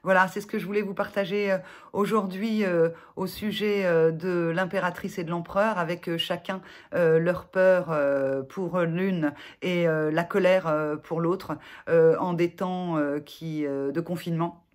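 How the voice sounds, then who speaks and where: A woman therapist giving gentle self-help advice to viewers in a vlog, speaking haltingly with many filler sounds and restarts. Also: on the low side, fairly even intonation. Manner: gentle, reassuring address to viewers.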